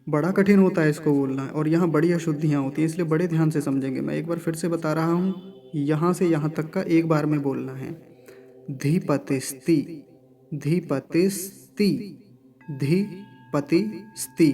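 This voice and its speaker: A man teaching Vedic mantra pronunciation, patiently repeating each word slowly, syllable by syllable. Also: on the high side, creaky, warm tone. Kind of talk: online recitation lesson.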